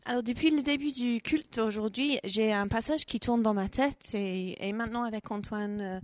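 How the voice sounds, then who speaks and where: A woman sharing during a church service, speaking quietly and softly. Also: on the high side, normal speed. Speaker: church member.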